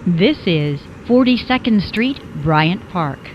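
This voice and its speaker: A woman's voice: lowish voice, lively intonation, takes it slowly. A woman reading scripted automated subway stop announcements in clipped, pieced-together phrases. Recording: dull, lo-fi announcement audio.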